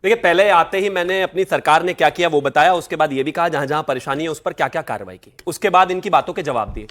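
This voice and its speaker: A man's voice: on the high side, quick pace, a bit bright. A man speaking as a party spokesperson in a heated TV debate, combative and talking over others.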